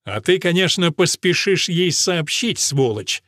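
A man's voice: sits high, lively intonation, a little slow, fairly bright tone, dry recording, studio quality. A man voicing a proud young carpenter who protests indignantly.

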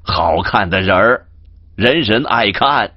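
A man's voice: fairly low pitch, animated, slow pace, no room sound, lo-fi sound. A man doing a sly wheedling young servant. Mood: teasing, wheedling. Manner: teasing and wheedling.

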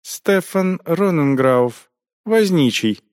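A man's voice: a little high, animated, slow, a little mellow, dry recording, clean studio sound, pitched above the performer's own voice. A man voicing a frightened, shamefaced young village widow under interrogation, answering timidly. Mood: reluctant, ashamed.

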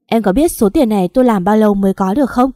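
A woman's voice: on the high side, fairly quick, dark tone, no room sound, studio quality, lightly acted. A woman reading the lines of a betrayed husband in his thirties who speaks with cold, restrained anger in an audio story. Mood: accusing.

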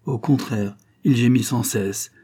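A man giving a measured, steady reading of a novel as an audiobook narrator. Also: mid-range voice, breathy edge. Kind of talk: scripted literary narration.

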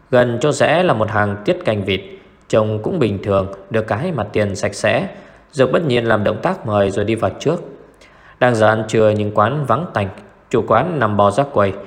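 Low-voiced male audiobook narrator. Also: long reverb tail. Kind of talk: first-person audiobook narration.

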